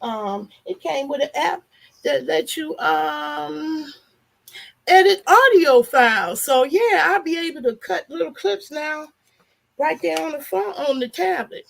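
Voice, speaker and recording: A woman vlogger, her voice hoarse, nasal, gravelly, and a little high, chats casually with a live audience. She's loose and frank, drifting between topics, with lively intonation at a measured pace.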